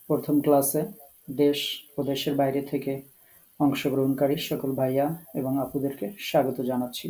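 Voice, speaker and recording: A man with a Bangladeshi Bengali accent teaching an online Quran recitation class, explaining earnestly with pauses and English words mixed in. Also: medium pitch, flat delivery, mellow, poor audio.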